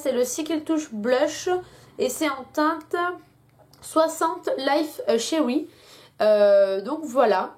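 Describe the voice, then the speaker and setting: Young woman reviewing makeup, chatty with lots of ums, voice a bit high, says she has a headache. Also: darkish tone. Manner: chatty, many hesitations. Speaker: beauty vlogger. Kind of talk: casual product review.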